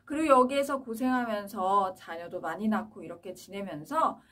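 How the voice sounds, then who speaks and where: A woman preaching to children, telling a Bible story in a simple, animated way. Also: medium pitch, normal speed, recorded from a distance. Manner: animated, explaining simply to kids. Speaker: children's Sunday school teacher.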